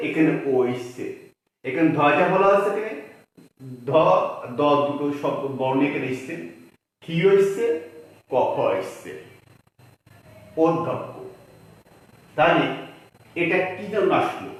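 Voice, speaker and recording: Man teaching in a very echoey room. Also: on the high side. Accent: Bangladeshi Bengali. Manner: explains slowly, repeats words, asks rhetorical questions. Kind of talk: grammar lesson.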